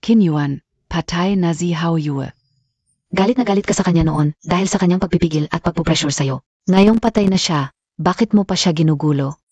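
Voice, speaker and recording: A woman's voice: fairly low pitch, normal speed, a little mellow, no echo, natural voice. A woman voicing a cold, defiant company heiress. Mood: reproachful. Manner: cold, accusing. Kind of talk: dubbed short drama acting.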